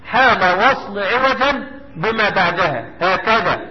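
Egyptian man, high voice, Quran recitation teacher quizzing students, dull sound with long hall echo. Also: lively intonation, measured pace, a little hiss or hum. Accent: Egyptian Arabic. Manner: quizzes the class and answers himself. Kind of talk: tajweed lesson with chanted recitation.

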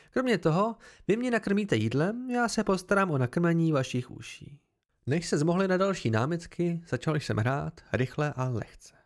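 A man reading an amateur audiobook in an expressive storytelling manner. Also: on the high side. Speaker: audiobook reader.

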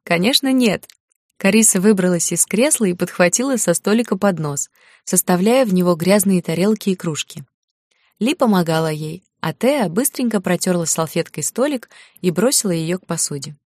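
An audiobook narrator, a woman with a low, darkish voice, reads a fantasy novel expressively at a normal speed. It is scripted narration in a dry, clean studio recording.

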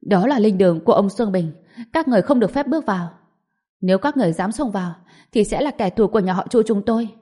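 Wounded clan fighters in a storybook, read by a woman, shouting in desperate defiance. The lines rush out fast and loud over a mellow tone. They refuse to yield. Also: medium pitch, animated, natural voice. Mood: defiant shouting.

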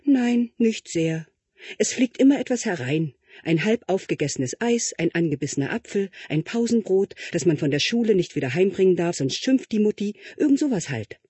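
A man doing a husky little abandoned child. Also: high voice, expressive, moderate pace, warm tone, no echo. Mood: resigned. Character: small abandoned child, plain and resigned.

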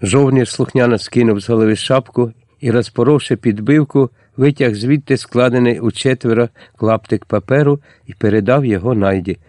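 A man narrating an audiobook in a measured, even reading. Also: mid-range voice, no room sound, studio quality. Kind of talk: scripted narration.

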